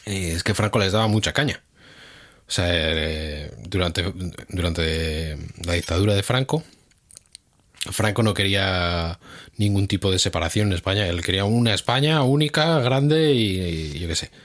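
Deep-voiced Spanish man, rambling explainer. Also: normal speed, fairly bright tone. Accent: Spanish from Spain. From Spain. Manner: explains at length, hesitant, many fillers. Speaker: co-host. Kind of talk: casual chat.

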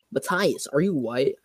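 Mock-insulting male podcast co-host. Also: fairly high pitch. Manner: crude joking, mock insults. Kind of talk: casual chat.

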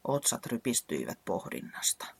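A woman narrating an action story for children and guiding them through movements, in an animated way. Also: rumbling low, gravelly, breathy edge, no echo.

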